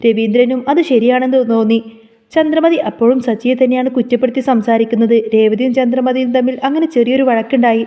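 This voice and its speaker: A woman's voice: a little high, fairly even intonation, fast talker, warm tone. A woman narrating a recap of a TV serial episode, reading the characters' lines within her retelling.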